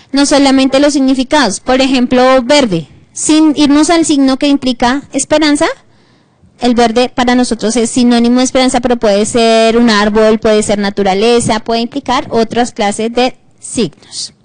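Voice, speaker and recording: Colombian woman teacher giving a class, pretty high voice, super dry close sound. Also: dry recording. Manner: switches between reading English and explaining, animated. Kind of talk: bilingual online class lecture.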